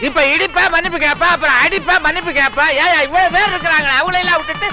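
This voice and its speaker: A man's voice: very high voice, fairly even intonation, quick pace, music in the background. A man in a film comedy scene, scolding and sarcastic, picking quarrels. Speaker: comic actor in film scene.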